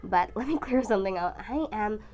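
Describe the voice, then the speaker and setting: A woman's voice: mid-range voice, brisk, slight background noise. A young woman with a congested, strained voice from the flu, chatting casually and expressively as she narrates her painting. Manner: expressive, dramatic, self-deprecating. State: sick with flu. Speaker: art vlogger.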